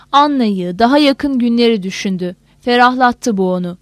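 A woman reading a novel aloud in a steady, measured narration. Her voice sits high and is recorded close and dry, with no room sound. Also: no echo. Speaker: audiobook narrator. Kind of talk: scripted narration.

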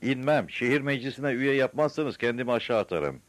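A man voicing a ranting madman on a rooftop in an audiobook, shouting defiant demands. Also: mid-range voice, lively intonation, fairly quick, dry recording, pitched above the performer's own voice, lightly acted. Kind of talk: audiobook character voice.

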